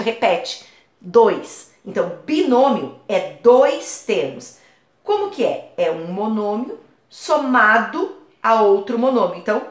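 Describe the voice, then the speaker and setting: A woman math teacher talks a class through a lesson, patiently and with everyday comparisons. Her voice is a little high and lively, rising and falling a lot. The sound carries a clear room echo. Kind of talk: explaining algebra lesson. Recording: echoey room.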